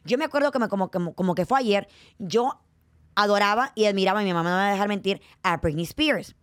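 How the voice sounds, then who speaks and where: A woman's voice: mid-range voice, no room sound, studio quality. A young woman speaking, telling stories playfully as a podcast host. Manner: lively, fast-talking, playful storyteller. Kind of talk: casual chat.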